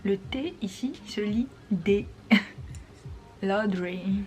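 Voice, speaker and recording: A woman vlogger explaining English pronunciation in a casual talk, repeating words slowly and patiently. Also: medium pitch, steady tone, darkish tone, soft background music.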